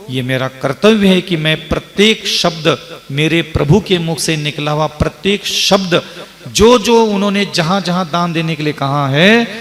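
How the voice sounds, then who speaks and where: A man's voice: fairly high pitch, long reverb tail. A man preaching a sermon as a monk, speaking with animation, acting out the voices of others and stacking repeated phrases for emphasis. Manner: animated, acts out the voices of devotees and grain.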